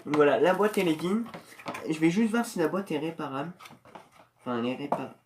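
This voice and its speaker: A host giving casual unboxing commentary in a chatty, slangy way with many hesitations, getting excited while opening the package. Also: medium pitch, fast, slight background noise.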